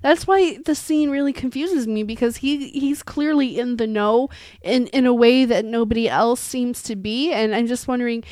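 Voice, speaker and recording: A woman with a fairly high voice chats with enthusiasm, wondering aloud about scenes she loved. Her voice sounds close and dry, with no room echo. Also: normal speed, a little mellow. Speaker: podcast co-host. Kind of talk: casual TV recap chat.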